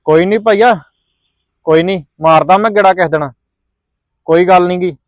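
A man playing a calm younger brother who consoles his brother-in-law on the phone. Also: high-pitched, normal speed, no echo, close to an everyday voice. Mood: consoling. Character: younger brother of the mother, reassuring on a call. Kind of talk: family drama vlog acting.

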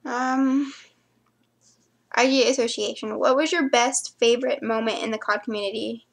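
A woman's voice: a little high, fairly even intonation, moderate pace, gravelly. A young woman chatting casually to camera, answering viewer questions and rambling into mumbled asides.

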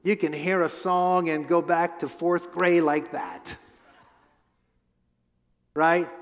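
A pastor in his fifties with a fairly high voice speaks slowly, giving a conversational sermon on a church stage through a headset mic. Animated, he paces and gestures a lot, asks the crowd questions, and often restarts his words. The sound has long hall reverb.

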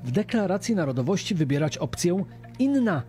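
A man's voice: sits high, sing-song, brisk, dark tone. A man narrating a scripted television news report as the reporter. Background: music.

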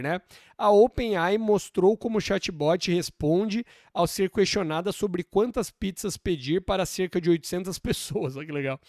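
A man's voice: high-pitched, darkish tone, dry recording, studio quality. A Brazilian man talking casually about tech, chatty and often tagging "né?". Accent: Brazilian Portuguese. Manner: chatty, keeps adding "né?". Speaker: tech youtuber. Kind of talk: casual tech video commentary.

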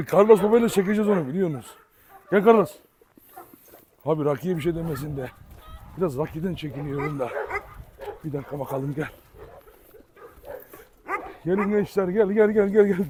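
A man filming his dogs on a farm, chatting casually to viewers and loudly calling and commanding the dogs, with dogs barking behind. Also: high voice, a little hiss or hum. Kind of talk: casual vlog narration. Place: outdoor farm yard with dogs.

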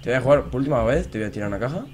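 A young man with a Spain Spanish accent giving gameplay commentary, excitable and repeating phrases as he swings between muttering and shouting. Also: medium pitch, racing, slight background noise. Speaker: gaming youtuber.

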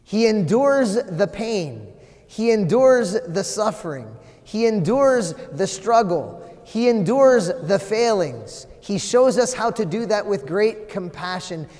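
A man preaches in a big sanctuary, his fairly high voice ringing with long church reverb. He is animated, swinging between loud emphasis and a near-whisper. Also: slow. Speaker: priest. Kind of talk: sermon. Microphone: far camera, no visible mic.

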